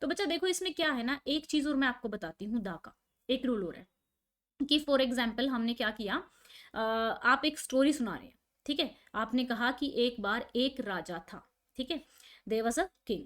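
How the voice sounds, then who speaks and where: A woman's voice: high-pitched, animated, moderate pace, a bit bright. A woman teacher, explaining a lesson step by step and asking and answering her own questions. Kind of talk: online class lesson.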